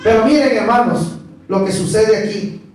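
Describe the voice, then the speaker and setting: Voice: mid-range voice, normal speed, a little mellow. A pastor giving an emphatic sermon in a church and often calling the congregation brothers. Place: church sanctuary. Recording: very echoey hall, mic far off.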